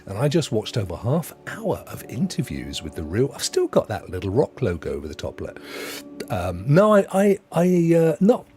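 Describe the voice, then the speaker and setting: A British man hosting a relaxed gaming livestream from a home setup. He talks in a jokey, rambling way and often restarts his sentences, and his pitch swings widely up and down. Soft music plays faintly behind him. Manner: chatty, jokey, rambling with self-corrections. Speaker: host. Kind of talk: casual chat on a gaming livestream.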